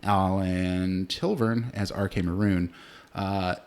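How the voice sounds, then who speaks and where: A man co-hosting a podcast, chatting casually about a movie, relaxed and swearing now and then, with plenty of filler words. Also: low voice, slow pace. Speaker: podcast co-host. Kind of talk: casual movie review chat.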